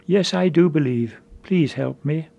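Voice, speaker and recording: A man preacher voicing a desperate man clinging to a tree on a cliff face, shouting pleas for help. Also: a little high, measured pace, vocal fry, muffled recording. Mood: pleading. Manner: pleading shouts.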